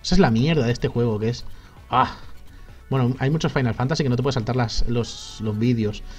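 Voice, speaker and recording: A man's voice: medium pitch, fairly quick, a little mellow, soft background music. A man with a Spain accent giving casual let's play commentary, swearing in frustrated outbursts. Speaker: gaming youtuber.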